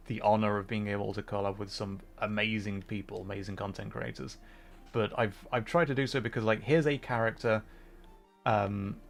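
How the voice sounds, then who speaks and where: A livestream host with a lowish voice plays a game while chatting casually, rambling in a hesitant, thoughtful way with frequent pauses. Music plays in the background.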